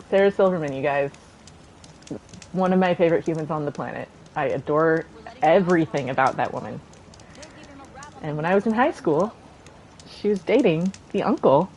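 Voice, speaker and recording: A woman's voice: low-pitched, mellow, low-quality recording. A chatty woman streamer rambling and thinking aloud as she plays, speaking into a desk microphone at home. A faint noise sits behind her voice. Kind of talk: casual chat while gaming.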